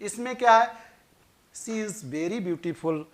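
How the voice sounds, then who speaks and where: Slow, high-voiced Hindi grammar teacher. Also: male voice, animated. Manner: slow explaining, repeats points, reads example sentences slowly. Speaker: English teacher. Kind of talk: classroom grammar lesson in Hindi.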